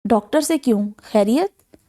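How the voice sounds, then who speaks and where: A man's voice: very high voice, lively intonation, warm tone. A woman reading as a worried older uncle. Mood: concerned. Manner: questioning and worried. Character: concerned older uncle, head of family.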